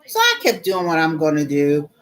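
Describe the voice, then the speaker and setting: A middle-aged woman in casual storytelling mode, animated and fed up as she recounts what happened. Her voice sits a little low for a woman, and she keeps turning to the listener as "girl". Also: normal speed. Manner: animated, exasperated, addresses viewer as "girl". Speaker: vlogger.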